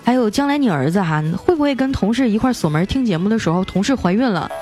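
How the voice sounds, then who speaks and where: With faint music behind her, a woman radio host reads out jokes from listeners in an animated, slightly mellow mid-range voice. It's a lively comic reading, playful and chatty, peppered with her own teasing asides and drawn-out particles.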